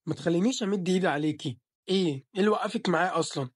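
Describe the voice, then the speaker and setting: A man with an Egyptian accent voicing a bossy, jealous young husband who talks in a gruff, teasing, threatening way. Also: sits high, very fast, no echo, studio quality. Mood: stern. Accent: Egyptian Arabic.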